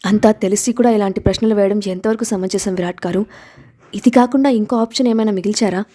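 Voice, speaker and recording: A woman's voice: medium pitch, quick pace, warm tone, lightly acted. A woman voicing a stubborn, proud young mother who speaks sharply and reproachfully.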